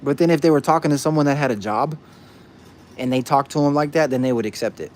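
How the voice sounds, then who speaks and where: A man at a middle pitch chatting casually with his viewers, answering their questions one by one. He talks bluntly and curses freely, leaning on "bro" again and again. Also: fast talker, darkish tone. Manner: blunt, profane, says "bro" a lot. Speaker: streamer answering chat. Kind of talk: casual chat.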